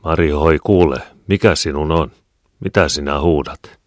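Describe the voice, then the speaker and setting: A man voicing a worried poor husband who talks in a gruff, coaxing way to his wife. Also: very deep voice, no room sound, clean studio sound.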